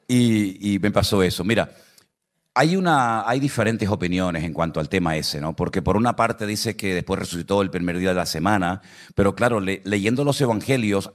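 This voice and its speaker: A middle-aged man, a pastor, telling an anecdote in a chatty sermon, acting out the quotes and often checking in with his listeners. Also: on the low side. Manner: chatty storyteller, acts out quotes, frequent tag questions.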